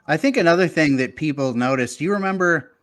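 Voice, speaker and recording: Late 30s guy chatting on a podcast, lots of you know and like, bright edgy voice, dry mic. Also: a little high, expressive, fast, no room sound. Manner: loose, rambling, filler-heavy. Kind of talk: casual podcast chat.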